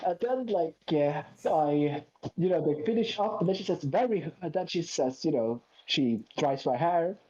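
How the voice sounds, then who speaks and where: A man's voice: fairly high pitch, expressive, normal speed, warm tone, dull audio. A man from Sweden, telling a long anecdote in a casual chat, with self-mocking asides and quoted voices.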